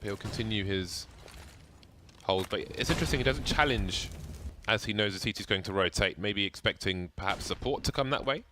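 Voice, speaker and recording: A man's voice: lowish voice, brisk, noisy background. A man doing play-by-play commentary on a competitive shooter match, chatty and prone to light banter. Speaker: play-by-play caster. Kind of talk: esports commentary. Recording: loud game sounds behind.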